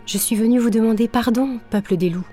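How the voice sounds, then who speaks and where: A woman voicing a brave but timid little girl in a storybook, speaking softly and hesitantly. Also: medium pitch, lively intonation, a little slow, soft background music, voice pushed up, lightly acted. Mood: earnest. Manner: soft, hesitant, sometimes breathy.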